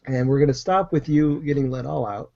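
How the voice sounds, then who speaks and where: A man's voice: medium pitch, a little fast, creaky, dark tone, a little hiss or hum. Rambling man running a tabletop game. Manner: rambling, loose, full of fillers and asides. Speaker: game master. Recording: dull lo-fi recording.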